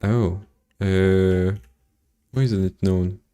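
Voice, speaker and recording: This is a Belgian coder, a native French speaker, explaining his code on stream and taking questions from chat. He speaks low and slowly, mellow and smooth with fairly even intonation, thinking aloud haltingly with many fillers and restarts.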